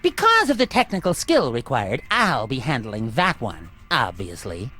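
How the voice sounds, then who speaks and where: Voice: mid-range voice, wildly swooping pitch, normal speed. An actor playing a prim, self-important young prince of hell and ringleader, officious and pompous, in a video game. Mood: smugly triumphant. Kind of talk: video game character acting. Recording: music behind the voice.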